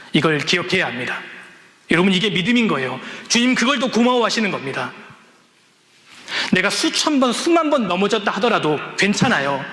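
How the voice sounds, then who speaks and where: A male pastor preaches with earnest conviction, his voice sitting fairly high and climbing sharply at each exhortation. A long reverb trails behind his words in the sanctuary. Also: fairly bright tone. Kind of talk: sermon. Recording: long reverb in a large hall.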